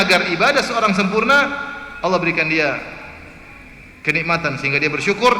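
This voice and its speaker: Bright-voiced preacher in an echoey mosque. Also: male voice, on the high side. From Indonesia. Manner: animated storytelling, rhetorical questions to the congregation. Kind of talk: sermon. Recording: echoey mosque hall, faint hiss.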